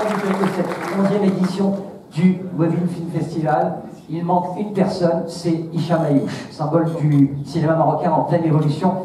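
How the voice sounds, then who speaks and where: A man's voice: sits high, warm tone. A man hosting a ceremony on stage, introducing guests in an emphatic, showmanlike way. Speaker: ceremony host. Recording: echoey hall, distant, crowd, faint noise.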